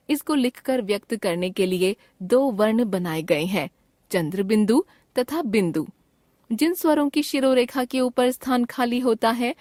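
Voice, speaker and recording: A woman teaching grammar from a textbook, each word spoken slowly and carefully, often twice over for practice. Her voice sits a little high, and the rules come out in an even, measured recital. The recording is dry and close, with no room sound around her. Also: no room sound. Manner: repeats each word twice for pronunciation drill. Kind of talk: slow, careful textbook reading.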